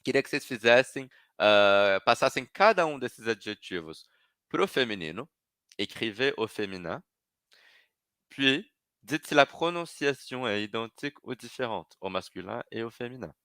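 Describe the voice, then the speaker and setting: Man, French teacher, live online class, clear bright voice, dry close sound. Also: medium pitch, lively intonation, normal speed. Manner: patient, repeats words for students to echo. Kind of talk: live online language lesson.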